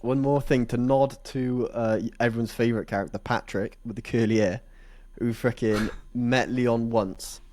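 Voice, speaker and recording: A man in a casual movie review chat, telling things in an animated, mocking way. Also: mid-range voice, normal speed, dry recording. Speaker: podcast co-host.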